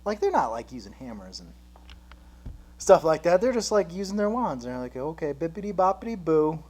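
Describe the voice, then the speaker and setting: A man's voice: on the high side, big pitch swings, fairly quick, darkish tone, husky. Joking guy cohosting a building show, laughs a lot, voice bounces all over. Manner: jokey, laughs a lot, goes off on tangents. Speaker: co-host. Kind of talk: casual chat while building a toy set.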